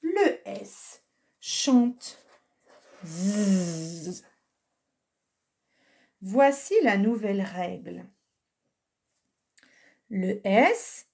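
A woman teacher talks to young children in a slightly high voice that rises and falls a lot. She takes her time and sounds out each letter clearly and patiently. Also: darkish tone. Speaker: primary school teacher. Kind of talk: recorded lesson for young children.

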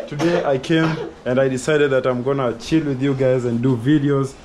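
Kenyan male vlogger, mid-pitched, eager and chatty, lots of "you know", casual to-camera delivery. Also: fairly even intonation, moderate pace, very noisy. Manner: enthusiastic, chatty, many "you know" fillers. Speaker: vlogger host. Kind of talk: casual vlog talk to camera.

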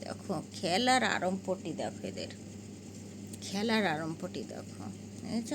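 Woman, home vlogger, affectionate chatty delivery, mid pitch, noisy room. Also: sing-song, a little slow. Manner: fond, chatty, coaxing pets with repeated calls. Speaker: cat owner vlogger. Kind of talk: casual home vlog narration.

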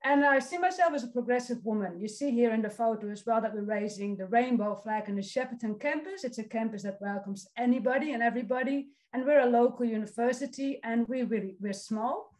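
Her fairly high voice has a darkish tone, and she talks briskly with few pauses. She's a woman in her forties from the Netherlands, a social work lecturer with a Dutch accent, warmly encouraging a youth summit over video call and reading audience comments aloud, all on poor audio.

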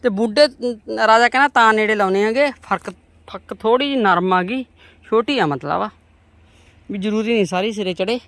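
A woman's voice: mid-range voice, moderate pace, a bit bright, no room sound. A woman, chatting homely to viewers as she walks outdoors through her farm's vegetable plots. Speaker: vlogger. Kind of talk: casual farm vlog talking to viewers.

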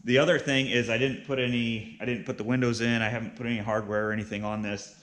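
A man's voice: medium pitch, fairly even intonation, fast talker, a bit bright. A man in his thirties narrating a casual how-to vlog in a plainspoken, explanatory way, as its host. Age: 30s. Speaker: vlog host, beginner beekeeper. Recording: clearly noisy, with background ambience.

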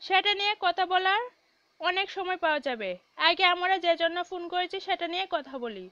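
A woman's voice: extremely high pitch, expressive, moderate pace, pushed and bright, no room sound, highs cut off, exaggerated voice. A woman voicing a sly male kidnapper who talks in a sweet, coaxing tone in a read-aloud story. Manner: honeyed, smooth-talking.

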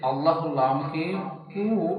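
A man teaching how to pronounce prayer recitations, speaking slowly and deliberately and chanting the phrases in drawn-out melodic tones. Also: on the high side, muffled recording, a crowd in the background. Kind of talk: slow religious pronunciation lesson. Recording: very echoey, distant from the mic, faint background noise.

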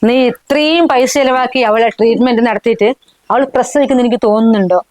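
A middle-aged woman playing a scheming, sharp-tongued mother who nags and insults in a short film drama. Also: on the high side, fast talker, soft background music, lightly acted, rough recording. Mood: persuading. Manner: scornful, nagging, insulting. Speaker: mother-in-law.

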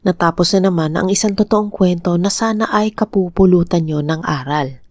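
A woman with a Filipino accent narrating a true crime story in a calm, even, scripted read. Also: on the low side, normal speed, no room sound.

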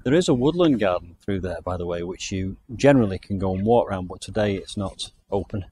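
Strolling through a country garden with his handheld camera capturing the audio, a British man chats enthusiastically and thinks aloud, hot and overdressed from the walk. He speaks a little fast in a low, dark voice with lively intonation, over a little hiss or hum.

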